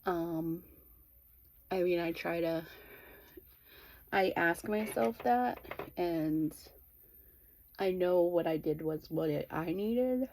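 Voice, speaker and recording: A middle-aged woman in a casual, confessional chat to viewers, candid and rambling, with halting, trailing pauses. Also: fairly low pitch, darkish tone. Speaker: vlogger.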